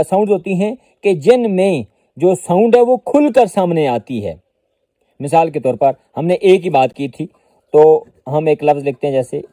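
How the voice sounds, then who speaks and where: A man teaching an English pronunciation lesson, patiently explaining and slowly repeating example words. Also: fairly high pitch, dark tone, dry recording.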